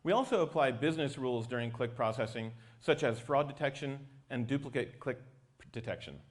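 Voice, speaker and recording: Man, mid-range pitch, company presenter, explanatory technical talk. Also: lively intonation, a little fast.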